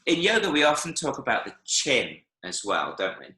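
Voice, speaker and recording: A man's voice: mid-range voice, huge pitch swings, normal speed, sharp tone, reverberant. Patient man teaching over a video call. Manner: patient, checks understanding often with "yeah?" and "right?". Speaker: Spanish teacher. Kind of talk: online one-to-one language lesson.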